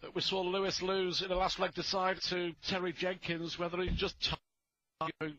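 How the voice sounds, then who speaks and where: A man's voice: sits high, little pitch movement, moderate pace, pushed and bright, dry recording, highs cut off. A man giving live darts commentary, offering opinionated analysis between throws.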